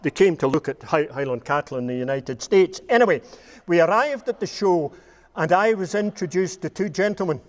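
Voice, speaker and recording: A man's voice: high-pitched, brisk, big-room sound. An older Scottish man giving a rambling, humorous talk to a live audience about his years as a cattle judge, laughing at his own jokes as he goes. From Scotland.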